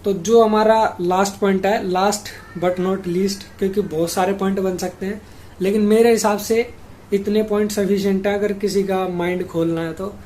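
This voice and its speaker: A man's voice: sits high, steady tone, normal speed, a little mellow, a little hiss or hum. A young man hosting a study-tips video, giving casual advice to students and speaking straight to viewers as he walks through numbered points.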